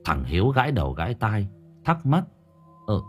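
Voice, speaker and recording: A male narrator reading a horror story in an expressive, dramatic way. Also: lowish voice, brisk. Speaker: audiobook narrator. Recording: faint music underneath.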